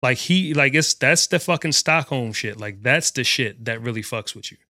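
A man's voice: medium pitch, expressive, moderate pace, pushed and bright, dry recording. A man with a mid-range voice talks bluntly and profanely in a casual podcast debate. He rambles through his points with constant fillers. His voice sits close and dry on the mic with no room sound. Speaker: podcast co-host.

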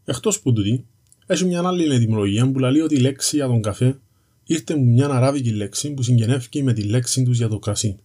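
A man's voice: medium pitch, warm tone. A man with a Cypriot Greek accent narrates an educational piece in a conversational storytelling style, explaining things informally and directly to the listener. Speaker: presenter of an educational series on language history.

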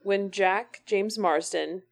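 A woman's voice: medium pitch, slow, vocal fry. A woman co-hosting a podcast, chatting casually, laughing often, and reading blurbs aloud. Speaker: podcast co-host. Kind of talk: casual chat.

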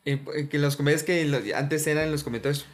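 A young man with a Veracruz Mexican Spanish accent spins a story for a friend, joking and full of slang. His voice sits a little high for a man. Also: flat delivery, fairly quick. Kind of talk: casual chat between friends.

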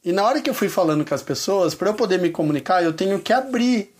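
A man's voice: sits high, animated, fast talker, darkish tone, slight background noise. A man speaking as an interview guest, telling a candid personal story in an earnest, colloquial way with lots of casual fillers.

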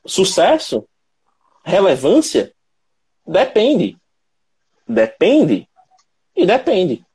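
A man's voice: high voice, huge pitch swings, extremely slow, darkish tone, husky. A man with a Brazilian accent, hosting a mobile photography channel, who talks emphatically and asks rhetorical questions. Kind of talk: live chat on a stream.

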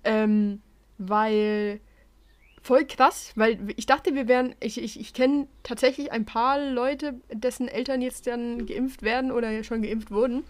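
Young woman with a soft-R speech impediment. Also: a little high, fairly even intonation, unhurried. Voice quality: trouble pronouncing the R sound. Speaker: podcast co-host. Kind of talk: casual chat.

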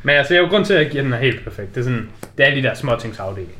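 A man with a Danish accent talks casually as a podcast co-host. His voice sits at an average male pitch, and he delivers his thoughts as informal film chat. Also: lively intonation, crowd noise.

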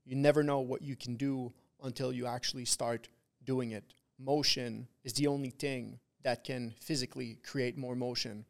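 A man with a gravelly, creaky voice speaks like a frat bro on a podcast. He hammers his points in short, repeated phrases, casual and preachy like a pep talk. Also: medium pitch, flat delivery, normal speed, hardly any pauses. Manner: frat-bro talk, peppered with bro, dude and swearing. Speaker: podcast guest, trader who runs a trading community.

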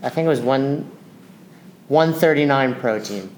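A man's voice: mid-range voice, a little slow, darkish tone, poor audio. A man hosting as a nutrition coach, explaining things in casual, instructional talk.

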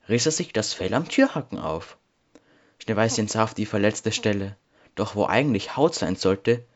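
Low-voiced man reading a fairy tale. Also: lo-fi sound. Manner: calm, measured storytelling. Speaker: narrator. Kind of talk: scripted fairy tale narration.

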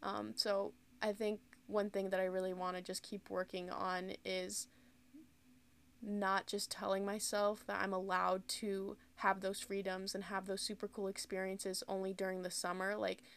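Speaking at a normal pace in a completely flat, medium-pitched voice, a roughly twenty-year-old woman from the United States rambles candidly through her own casual podcast, leaning heavily on "like." The tone is creaky yet clear and resonant.

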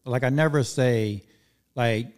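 This podcast host is a man in his forties with a medium-pitched voice and a slow pace. In casual chat, he gives candid advice and swears now and then.

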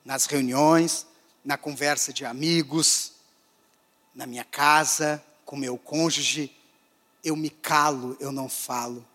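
A male pastor preaching a sermon, swinging between raised, emphatic phrases and hushed, quiet ones. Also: on the high side, steady tone, takes it slowly. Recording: long hall reverb.

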